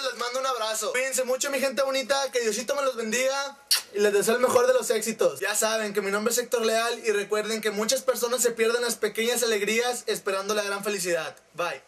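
Sarcastic high-voiced Mexican vlogger man. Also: a bit bright. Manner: sarcastic, crude, mocking. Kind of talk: comic TV recap vlog.

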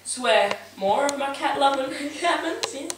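A young woman giving a comedic mock tour of a house, boasting deadpan with sudden yelps, filmed indoors on a home camera from a distance. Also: sits high, measured pace. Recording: echoey room, distant mic, noisy home video.

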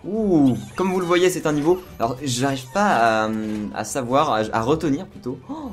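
Hoarse man commentating on a video game. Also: on the high side, lively intonation. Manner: repeats words in quick bursts. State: hoarse, worn-out voice. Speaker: let's play host. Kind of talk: casual excited gameplay commentary. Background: video game music.

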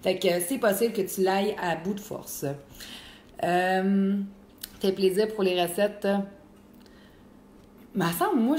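A young woman with a Québécois accent hosting a live cooking stream, chatting casually and answering viewers. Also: mid-range voice. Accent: Québécois French. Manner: chatty and animated, full of fillers. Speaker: cooking show host. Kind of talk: live-stream cooking chat reading comments. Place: home kitchen. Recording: echoey room with faint noise.

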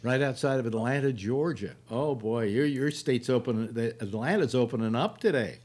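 A man's voice: mid-range voice, moderate pace, darkish tone. An older man hosting a casual panel chat on a video call, opinionated and full of questions. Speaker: host of a live panel show. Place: book-lined room at home.

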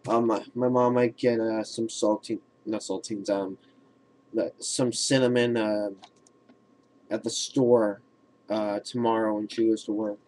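A teenage boy chatting casually to a webcam at home in a hesitant, halting way. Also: lowish voice, little pitch movement, a little mellow. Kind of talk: casual vlog chat. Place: room at home, indoors. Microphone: webcam at arm's length. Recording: faint noise and clicks, webcam audio.

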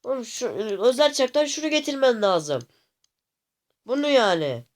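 A man hosting a gaming channel, commenting casually on his gameplay to viewers, often exasperated and complaining out loud at the game. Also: very high voice, very animated, moderate pace. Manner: talks to viewers directly.

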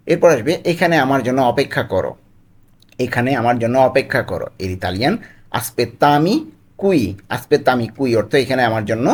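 A man with a Bangladeshi accent speaks in a voice of middling pitch, giving a video lesson. He repeats each short phrase slowly and then explains it word by word, steady and patient. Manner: slow, repetitive drilling of phrases. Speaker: language tutor.

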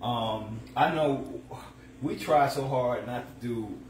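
A man's voice: mid-range voice, slow, far from the mic, a little hiss or hum. A middle-aged man hosting a casual cooking livestream, joking and chatting as he cooks in his home kitchen. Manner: relaxed, joking, talks while cooking. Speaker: home cook and show host. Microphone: phone camera across the kitchen. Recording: echoey kitchen with loud sizzling. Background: frying and stirring sounds.

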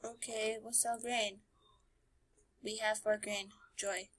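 A woman's voice: medium pitch, level tone, takes it slowly, slight background noise. A woman giving casual, playful and sarcastic commentary as she plays a game. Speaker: gamer narrating a playthrough. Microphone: screen recording voice-over.

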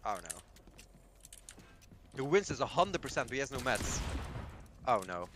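A man's voice: medium pitch, sing-song, measured pace, music in the background. A young man giving live commentary as a gaming streamer while watching a match. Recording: loud game noise, clicking.

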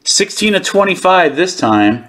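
A man's voice: high-pitched, big pitch swings, a little slow, a bit bright. A man hosting a sports card channel, giving casual, informal unboxing commentary as he thinks aloud.

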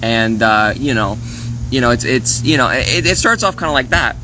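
This man's voice sits in the mid range, expressive and moderately paced, with background noise behind it. He's live on his phone, venting his grievances in a rambling, casual way, cursing freely and leaning on fillers and restarts.

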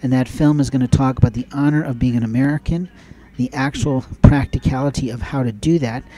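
An emphatic, preachy man delivers a monologue on his own audio show. His voice is dark and mellow, sitting at an ordinary pitch. He builds his points with repeated phrases. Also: fairly quick, low-quality recording. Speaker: podcast host. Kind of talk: spoken opinion monologue.

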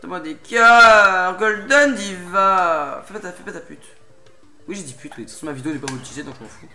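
Young man, let's play commentary, high bright voice, excitable and pleading, game music faintly behind. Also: racing. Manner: excitable, pleading and swearing at a boss.

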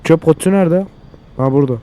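A man's voice: on the high side, fast, mellow. Foul-mouthed exasperated young man gaming. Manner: crude, swears constantly, exasperated. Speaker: gaming channel host. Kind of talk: let's play commentary.

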